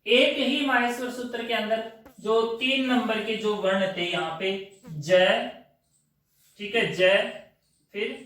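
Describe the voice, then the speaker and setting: Male grammar teacher, high pitch, slow and repetitive, recorded distant in a very echoey room. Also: steady tone, fairly bright tone. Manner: slow, repetitive drilling with questions and answers. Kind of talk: classroom grammar lesson.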